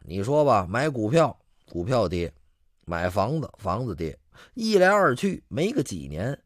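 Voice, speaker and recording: A man's voice: mid-range voice, dry recording, studio quality. A man telling a traditional story in a vivid, rhythmic, dramatic way.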